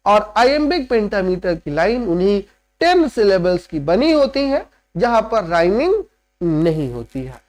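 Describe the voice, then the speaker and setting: A man's voice: high voice, big pitch swings, unhurried, darkish tone. A man lecturing on literature who explains step by step, drops in English terms and often checks that students follow. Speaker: literature teacher. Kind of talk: classroom lecture.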